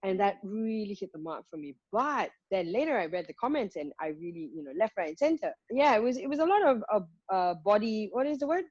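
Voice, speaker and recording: A woman's voice: medium pitch, big pitch swings, brisk, hardly any pauses, darkish tone, no echo, muffled recording. A woman, a guest singer talking frankly and reflectively, making her points one by one. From Malaysia. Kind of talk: candid conversational interview.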